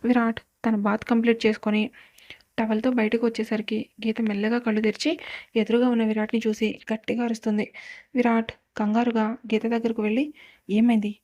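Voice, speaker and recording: A woman storyteller reads a serialized episode in a steady, even way. Her voice sits fairly high with a dark, mellow tone and little movement in pitch. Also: fast, highs cut off.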